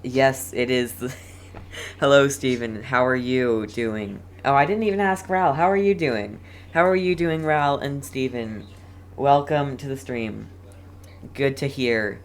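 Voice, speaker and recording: A streamer at a medium pitch provides casual play-by-play of a video game and converses with viewers, often stopping and repeating words.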